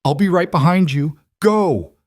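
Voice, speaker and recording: A man's voice: a little high, unhurried, a little mellow, no echo, pitched above the performer's own voice. A man voicing a young woman who screams desperate commands while fighting a wolf to save children. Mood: panicked shouting.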